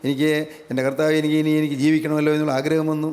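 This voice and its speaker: A man's voice: a little high, little pitch movement, rapid-fire, a little mellow. A man from Kerala preaching a sermon with fervent rhetorical questions and repeated praise refrains. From Kerala, India. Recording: long hall reverb.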